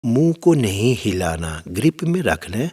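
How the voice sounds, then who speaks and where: Fatherly low-voiced male recitation teacher. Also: sing-song, warm tone, slightly rough, recorded from a distance. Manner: fatherly, addresses listeners as "my son"; plain-spoken, gives firm step-by-step instructions. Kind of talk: spoken lesson with recited demonstrations.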